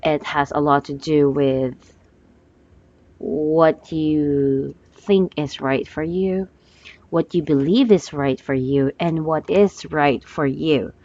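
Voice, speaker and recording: Low, slow, hoarse woman reading tarot. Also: steady tone, highs cut off. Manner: gentle, hesitant with many fillers. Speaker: tarot reader. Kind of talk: monthly astrology love forecast.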